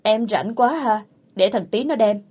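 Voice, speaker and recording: A woman's voice: mid-range voice, a little slow, darkish tone, slightly rough. A woman voicing a curt, jealous young landowner's son who answers in short, clipped lines in a storybook reading.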